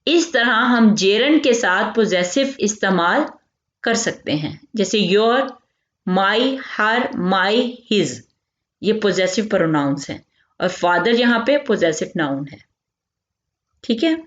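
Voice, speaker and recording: A woman teaching English grammar, reading out example sentences deliberately and then quizzing herself with a question and its answer. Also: medium pitch, lively intonation. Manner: asks quiz questions and answers them herself. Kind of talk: explanatory grammar lesson. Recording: roomy, dull lo-fi recording.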